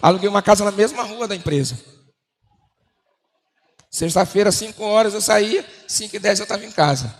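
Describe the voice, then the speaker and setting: A man from Brazil giving a sermon testimony, telling his story and acting out the dialogue with shifting pitch. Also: lively intonation, fairly quick, long pauses. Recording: long hall reverb.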